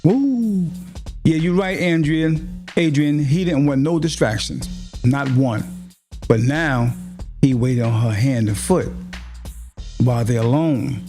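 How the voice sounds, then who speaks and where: A man's voice: mid-range voice, unhurried, long pauses, dark tone, soft background music. A man hosting a podcast, reacting bluntly to a clip in slangy, preachy commentary. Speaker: podcast host.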